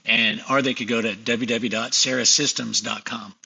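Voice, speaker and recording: A man's voice: medium pitch, steady tone, moderate pace, vocal fry, bright, forceful tone, husky, no echo, far from the mic, poor audio. A middle-aged man, a company founder, talking confidently and emphatically as a guest in a business interview.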